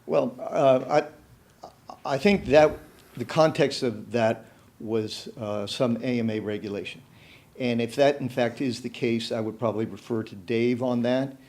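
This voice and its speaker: Man at a public meeting, mid-pitched, hesitant delivery full of fillers, earnest pitch. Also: a little mellow. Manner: halting, many fillers and restarts. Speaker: club representative at public meeting. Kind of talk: unscripted public comment. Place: city commission meeting room.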